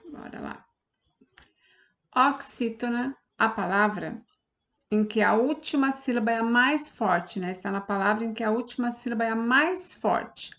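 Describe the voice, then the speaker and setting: A woman's voice: fairly high pitch, a bit bright. Patient Brazilian woman teaching a class. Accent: Brazilian Portuguese. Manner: patient, explains step by step with frequent checks. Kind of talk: online class lesson.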